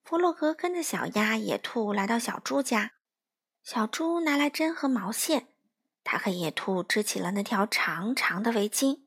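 A woman, a mother, reading a children's picture book aloud in a gentle, slow and sing-song manner. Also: a little high, lively intonation, breathy edge. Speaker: storyteller, a mother.

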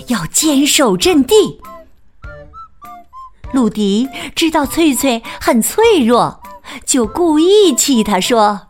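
A woman reading a children's picture book aloud as a storyteller, slow and expressive. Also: sits high. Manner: slow, expressive, sing-song.

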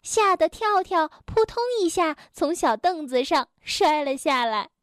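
A woman reading a children's storybook aloud, gentle and expressive. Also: high voice, measured pace, no echo.

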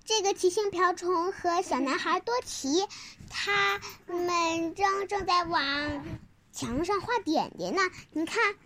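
A child telling a picture-book story informally, halting, repeating words and asking the listener questions. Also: extremely high pitch, bright, forceful tone, a little hiss or hum.

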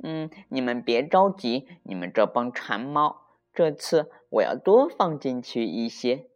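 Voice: medium pitch, sing-song, a little slow, dull audio. A storyteller voicing a bossy young girl rabbit who gives prim, commanding orders in the kitchen.

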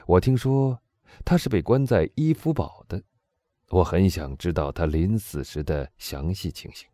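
A man voicing a cool, reserved Englishman who speaks calmly and deliberately in an audiobook. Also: deep voice, no echo, clean studio sound. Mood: probing. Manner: calm, measured, cool. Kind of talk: audiobook dialogue reading.

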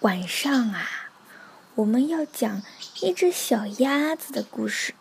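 A woman telling a children's bedtime story in a soft, whispery narrating voice. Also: fairly high pitch, expressive, slow pace, vocal fry, slight background noise.

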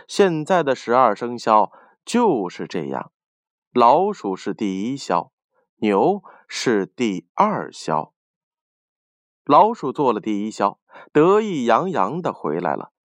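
A man narrating a children's folk tale in an expressive, lively reading. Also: mid-range voice, takes it slowly, no room sound, clean studio sound. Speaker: storyteller. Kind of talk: storybook narration.

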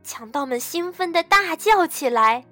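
A woman narrating a children's story with an expressive, lively storybook delivery. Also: very high-pitched, a little slow, soft background music.

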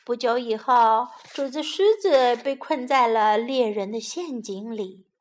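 A woman teacher narrating a children's story in a slow, gentle storytelling manner. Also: fairly high pitch.

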